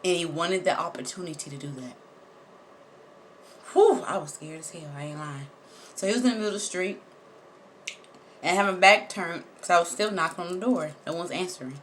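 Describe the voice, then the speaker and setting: Woman vlogging a story, lowish voice, real animated, repeats herself for emphasis, cusses casually. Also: fairly quick, long pauses, slight background noise. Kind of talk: personal storytelling to viewers.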